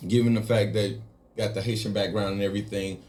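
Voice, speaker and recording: A male podcast host in a casual interview, keeping the energy up. He sounds hyped and encouraging and is quick to cheer his guest on with short shout-outs. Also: lowish voice, little pitch movement.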